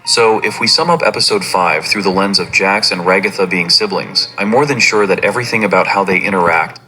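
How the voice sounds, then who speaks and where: Deep-voiced man narrating a theory. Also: brisk, pushed and bright, soft background music, poor audio. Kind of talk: scripted narration.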